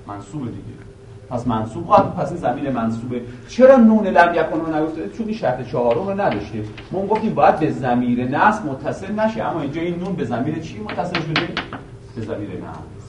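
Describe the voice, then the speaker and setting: A male teacher giving a classroom grammar lesson, quizzing his students with questions and reciting a verse slowly again and again. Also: a little high, big pitch swings, a little hiss or hum. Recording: echoey room, voice from a distance.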